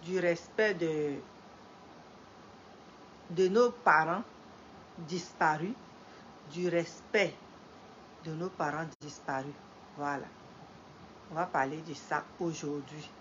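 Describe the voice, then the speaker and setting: A middle-aged woman with a head cold hosts a live stream, greeting viewers and delivering a slow moralizing talk full of repeated phrases, rising emphatically when she preaches. Her voice is low-pitched and slow, with long pauses. The dull lo-fi stream audio carries slight background noise and faint ambience.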